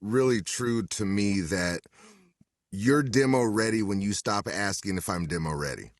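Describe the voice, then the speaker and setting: Low-voiced, measured man on a call. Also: no room sound, clean studio sound. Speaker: voice actor guest. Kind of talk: casual interview chat. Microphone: video call.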